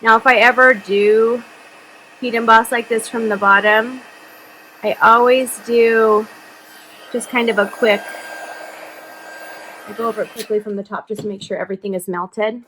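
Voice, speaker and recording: A woman's voice: a little high, fairly even intonation, moderate pace, long pauses, pushed and bright, slight background noise. A middle-aged woman hosting a casual craft tutorial, chatty and upbeat, thinking aloud as she works.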